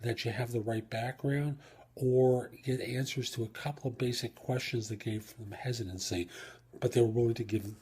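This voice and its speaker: In a mid-range, husky voice with a darkish tone and fairly even intonation, a man speaks at normal speed. He's a job search coach delivering a solo career advice podcast monologue, explaining step by step and answering rhetorical questions he raises.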